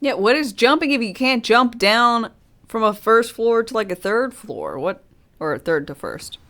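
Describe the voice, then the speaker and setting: A woman's voice: a little high, very animated, normal speed, a bit bright. A woman streaming a video game, chatting casually with viewers. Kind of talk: casual gameplay commentary.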